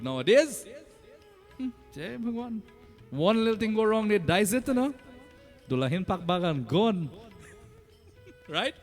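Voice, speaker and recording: High-pitched Trinidadian man preaching. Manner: animated storytelling with rhetorical questions and "eh?" tags. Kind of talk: conversational sermon to devotees.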